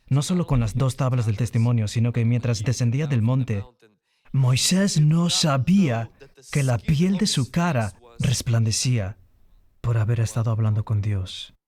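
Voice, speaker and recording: A man delivering a sermon with a mellow, warm tone and a middling pitch. He teaches in an earnest way, lifting his voice when he stresses a point. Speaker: preacher.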